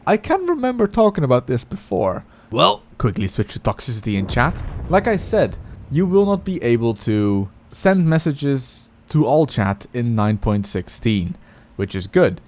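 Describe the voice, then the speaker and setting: A man talks over his own gameplay in loose, chatty commentary, stopping to correct himself and wander between topics. His pitch jumps up and down a lot as he goes. A faint hiss sits under the voice. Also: big pitch swings, a little slow, darkish tone. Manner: rambling, self-correcting, chatty.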